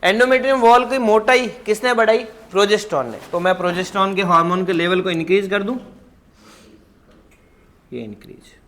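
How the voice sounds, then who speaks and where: A man's voice: high-pitched, fairly even intonation, quick pace, hardly any pauses, fairly bright tone, a little hiss or hum. A man giving a biology class lecture, quizzing his students with constant questions and calling them "child". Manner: calls students "child" affectionately. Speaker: biology teacher.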